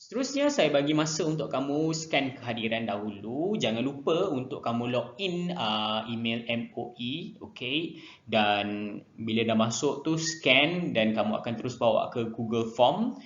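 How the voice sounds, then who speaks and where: Slow, lively male teacher. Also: medium pitch, echoey room, muffled recording. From Malaysia. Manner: slow, drills pronunciation by repeating words twice. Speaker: Mandarin teacher. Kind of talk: online language lesson.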